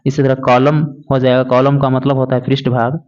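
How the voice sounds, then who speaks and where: A man teaching a lesson, slowly and patiently spelling out words letter by letter. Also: mid-range voice, completely flat delivery, a little mellow. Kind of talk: classroom lesson explaining English words in Hindi. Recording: dull lo-fi recording.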